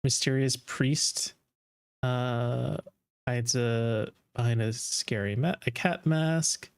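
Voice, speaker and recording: A man's voice: mid-range voice, fairly even intonation, takes it slowly, clean tone. A man giving casual, off-the-cuff live commentary as a streamer reacting to game trailers.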